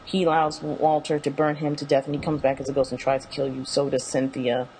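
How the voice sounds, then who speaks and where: A woman's voice: sits low, little pitch movement, brisk, a little mellow, slight background noise, low-quality recording. A woman casually walking through a video game's characters, rambling with fillers and correcting herself as she goes. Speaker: video game commentator. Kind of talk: casual spoken character rundown.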